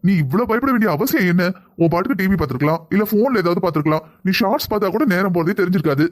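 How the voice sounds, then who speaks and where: Brief: man playing a breezy cartoon husband, southern Tamil accent, brisk, slightly high. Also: lively intonation. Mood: offhand. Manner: offhand, dismissive. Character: careless easygoing young husband. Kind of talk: cartoon voice acting.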